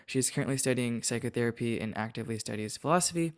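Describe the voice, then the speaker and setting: Clear-voiced man hosting a podcast. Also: medium pitch, rapid-fire. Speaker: podcast host. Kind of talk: conversational podcast interviewing.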